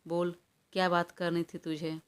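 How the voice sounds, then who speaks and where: A woman's voice: on the low side, level tone, measured pace, smooth, close to an everyday voice. A woman voicing a tired, irritated young man who pleads to be left alone, in a storybook reading. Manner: weary, pleading.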